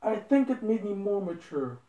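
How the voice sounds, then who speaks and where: A young Belgian man in his twenties, an interview guest, answers questions earnestly and casually, repeating points for emphasis. His voice is high-pitched, warm and very animated at a moderate pace. He is recorded in a living room by a phone camera across a table, so the audio is dull, roomy and distant.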